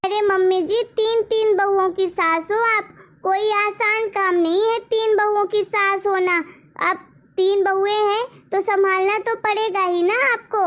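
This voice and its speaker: A woman's voice: very high voice, highs cut off. Woman voicing a hot-tempered eldest daughter-in-law. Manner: angry, threatening, self-pitying. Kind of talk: cartoon story voice acting.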